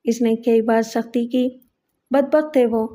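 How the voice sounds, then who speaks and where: A woman's voice: fairly high pitch, steady tone, warm tone, close to an everyday voice. A woman voicing a frail, dying old male servant in an audiobook reading, confiding in a pleading way.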